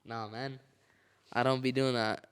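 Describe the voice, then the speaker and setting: A man's voice: medium pitch, level tone, a little slow, a bit bright, clear, resonant tone. A young man chatting on a podcast, asking curious questions and giving short replies. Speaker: podcast co-host. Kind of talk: casual chat.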